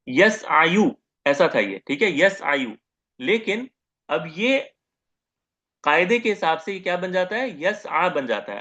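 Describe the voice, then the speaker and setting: A man giving a grammar lecture as teacher, posing questions to the class, answering them himself and repeating each term slowly. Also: sits high, fairly bright tone, dull audio. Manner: asks questions and answers them himself, repeats terms, says "okay" often.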